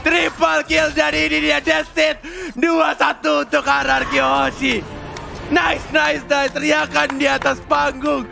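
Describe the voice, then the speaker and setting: A man calls an esports match in an excited fighting game announcer style. His voice is extremely high and heavily gravelly, pushed into dramatic, urgent shouts. Loud music plays behind him. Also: a little slow. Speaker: esports play-by-play commentator.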